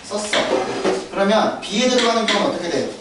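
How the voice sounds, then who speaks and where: A man's voice: sits high, expressive, fairly quick. A man teaching a math lesson, questioning and coaxing his students. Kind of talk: classroom lesson. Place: classroom. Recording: far-off echoey noisy classroom.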